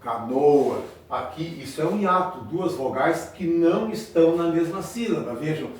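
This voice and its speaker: A man teaching a grammar lesson at a board, speaking slowly and repeating each example word. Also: a little high, animated, far from the mic. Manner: slow, drawn-out, repeats example words. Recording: very echoey room, voice from afar.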